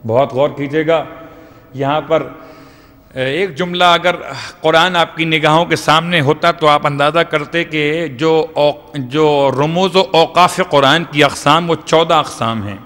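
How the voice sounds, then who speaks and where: A man addresses a congregation in a large prayer hall, his voice bright and sitting a little high. He teaches with rhetorical questions and breaks into recited Arabic verses. The sound carries a long reverb from the hall. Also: steady tone. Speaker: Shia cleric giving a majlis lecture. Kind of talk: religious lecture to a congregation.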